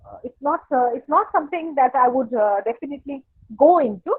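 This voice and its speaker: A woman's voice: sits high, animated, a little fast, no echo. A woman giving an online literature lecture, hesitant and full of fillers and restarts. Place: home, online workshop. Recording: dry, tinny phone-like audio.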